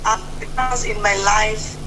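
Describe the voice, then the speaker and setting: A woman from Mombasa, speaking as a remote interview guest, relaxed and reflective, mixing English with Swahili. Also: medium pitch, takes it slowly. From Kenya, Mombasa. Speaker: guest, catering business founder. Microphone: phone or video call. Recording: noisy remote call line.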